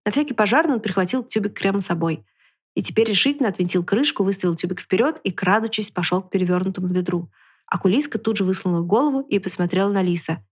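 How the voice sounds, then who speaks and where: A woman reading a children's story aloud on a podcast, with lively, expressive storytelling. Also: medium pitch, fast, husky. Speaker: reader on a podcast.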